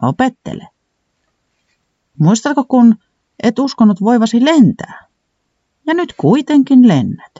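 A man voicing a lively, encouraging storybook creature who gives wise advice, in a high, coaxing voice. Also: long pauses, no echo, lo-fi sound, exaggerated voice.

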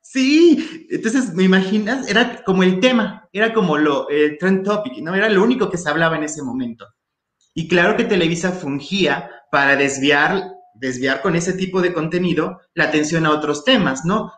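A guest in a casual chat speaks with a Mexican Spanish accent at normal speed, his voice sitting high with a fairly bright tone. He's opinionated and critical, using local slang, and the room is echoey.

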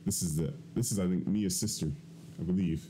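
A man's voice: sits low, fairly quick, mellow, slight background noise, low-quality recording. A young man casually hosting a video game let's play, hyped and joking with slangy talk.

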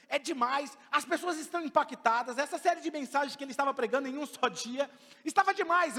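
A Brazilian pastor with a very high voice preaches in an animated, storytelling way and keeps putting questions to the crowd. His voice rings out in a church hall with a long reverb. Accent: Brazilian Portuguese. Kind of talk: lively sermon storytelling.

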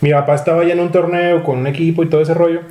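A young man speaks quickly in a slightly raised voice. His slangy, laid-back storytelling rings in an echoey room. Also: a little high, flat delivery, mellow. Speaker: podcast co-host. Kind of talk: casual storytelling among friends.

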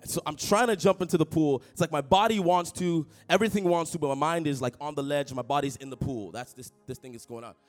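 Fast and fairly high-pitched, with few pauses and faint music behind him, a young man from Toronto, Canada preaches as a pastor. He's animated and jokey, weaving in personal stories and calling out to his congregation.

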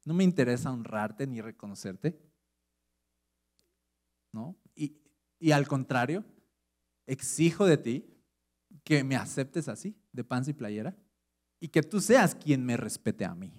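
A man's voice: mid-range voice, animated, a little slow, long pauses, a little mellow. A middle-aged man with a Mexican Spanish accent, preaching a sermon as pastor in a conversational way, asking the audience rhetorical questions.

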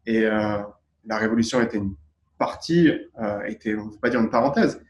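A man's voice: lowish voice, fairly quick, highs cut off. A man from Tunisia answering interview questions as a guest artist, thoughtful and searching for his words. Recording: roomy echo.

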